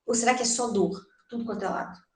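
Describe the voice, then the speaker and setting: A woman's voice: a little high, fast talker, a little mellow. Chatty Brazilian woman lecturing in a roomy hall. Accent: Brazilian Portuguese. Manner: conversational, asks the audience many rhetorical questions. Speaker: spiritist lecturer. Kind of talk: doctrinal lecture. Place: lecture hall of a spiritist center.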